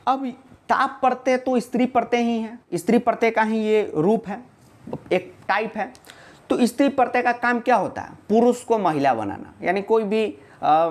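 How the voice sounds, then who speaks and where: A male teacher gives a casual online video lesson. He keeps posing questions and answering them himself, and breaks in with jokes and reassurance for students. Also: sits high. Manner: chatty and joking, reassuring students.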